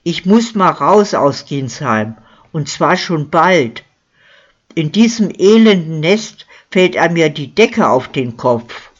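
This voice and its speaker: Narrator's take on a smug boastful miller man, slow and self-important, dull lo-fi sound. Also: fairly high pitch, animated. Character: boastful lying male village miller, smug. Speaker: character in a crime story. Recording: dull lo-fi recording.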